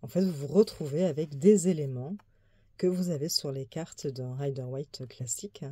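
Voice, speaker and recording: Low, mellow-voiced chatty woman. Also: normal speed, husky. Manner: chatty, easygoing, many fillers and small laughs. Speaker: tarot YouTuber. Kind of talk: casual show-and-tell deck review.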